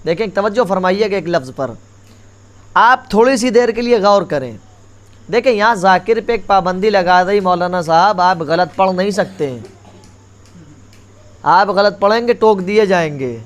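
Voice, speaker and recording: A high-pitched man delivers a Muharram majlis sermon. He repeats each key line and keeps calling the audience back to attention. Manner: rises in pitch and force as the sermon builds. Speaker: maulana giving a majlis address.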